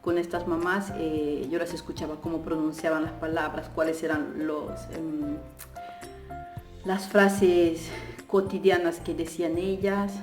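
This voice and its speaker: A young woman from Peru with a Peruvian Spanish accent gives chatty advice in a low voice, restarting her sentences and filling pauses. Her voice echoes around a bare room, and faint music plays behind her. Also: little pitch movement. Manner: chatty, many fillers and restarts, laughs often. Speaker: vlogger. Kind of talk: casual advice vlog.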